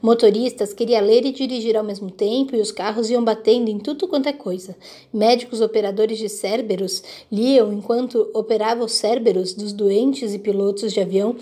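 A woman reading a children's book aloud in a lively, expressive way. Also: a little high. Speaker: reader.

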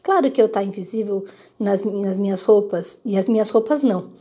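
A woman reading a children's book aloud in a lively, expressive way. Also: medium pitch, brisk. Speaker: reader.

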